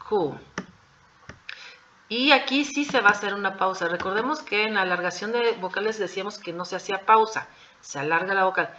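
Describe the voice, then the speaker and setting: A woman gives a patient language lesson, repeating each word and pausing to check her students follow. Her voice is bright and forward. The recording is dull and lo-fi. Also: medium pitch. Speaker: Japanese language teacher. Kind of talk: classroom explanation.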